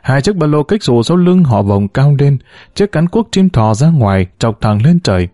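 A man narrating a story in a steady, storytelling manner. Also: medium pitch, normal speed, no echo, clean studio sound. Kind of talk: audiobook reading.

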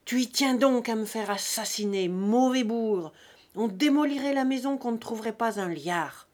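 A woman voicing a stern old male farmer, a gruff and scolding father. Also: high voice, moderate pace, a little mellow, voice pushed up, natural voice. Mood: angry.

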